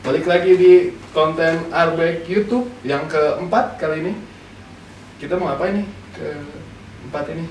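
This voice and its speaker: A man's voice: fairly high pitch, slight background noise. A young man hosting, introducing a casual video challenge in an upbeat way. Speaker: host. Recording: echoey room, voice from far off.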